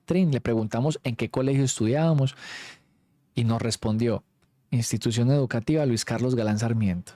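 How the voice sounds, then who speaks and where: Young Colombian man, slangy and animated anecdote-teller, dry close mic. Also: mid-range voice, moderate pace, dry recording. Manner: animated, slangy, acts out quoted friends. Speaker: streamer. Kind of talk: casual anecdote storytelling.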